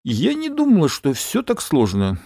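A man's voice: a little high, wildly swooping pitch, normal speed, gravelly, dark tone, slightly rough, no room sound, studio quality, voice pushed up, full character voice. A man reading aloud and voicing an anxious, emotional young woman who pleads and frets. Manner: pleading, tearful.

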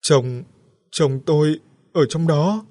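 A man voicing a panicked young village wife who cries out high and loud. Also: slow pace, no room sound, studio quality. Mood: anguished.

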